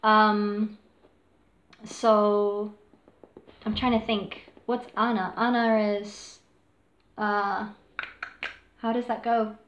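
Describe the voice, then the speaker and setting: Slow, casual woman streamer in echoey room. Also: mid-range voice, level tone, lo-fi sound, a little hiss or hum. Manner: rambling, laughing, swearing, many fillers. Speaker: live streamer talking about cover singing. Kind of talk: casual chat. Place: home room with a dog.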